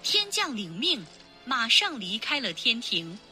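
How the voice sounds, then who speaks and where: Slow, expressive woman storyteller. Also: on the high side, soft background music. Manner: clear, expressive, unhurried. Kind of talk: children's storybook narration.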